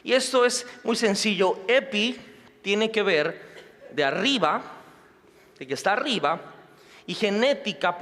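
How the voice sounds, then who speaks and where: A male pastor giving a sermon in an animated way, swinging between loud and hushed delivery. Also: high voice. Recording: long hall reverb.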